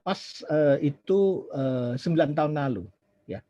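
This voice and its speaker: A man's voice: on the high side, measured pace, mellow, dry recording. A man, preaching a sermon as a chatty story, acting out dialogue and dropping in English phrases. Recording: dull lo-fi sermon recording.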